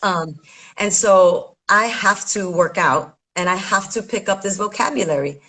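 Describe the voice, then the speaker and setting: A woman's voice: medium pitch, a little slow, fairly bright tone. Earnest woman in her forties. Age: 40s. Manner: earnest, emphatic, tags points with "right?". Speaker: dancer. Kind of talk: casual conversation.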